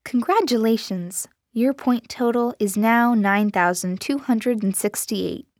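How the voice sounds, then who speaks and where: A woman voicing a cold, robotic smartwatch assistant that speaks in a flat, polite, mechanical way. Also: on the high side, a little slow, dry recording, studio quality, lightly acted.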